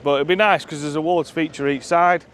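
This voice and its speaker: A man's voice: a little high, steady tone, fast, fairly bright tone. A man giving a casual walking tour of his shooting ground to a companion filming, chatty and enthusiastic with plenty of ums, a little out of breath. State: out of breath while walking uphill. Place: outdoors at a shooting ground, then inside a clubhouse. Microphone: camera held by a companion filming.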